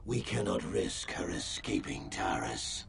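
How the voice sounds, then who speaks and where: An actor playing a menacing male Sith dark lord who gives cold, slow orders in a gravelly voice. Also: fairly low pitch, sing-song, exaggerated voice.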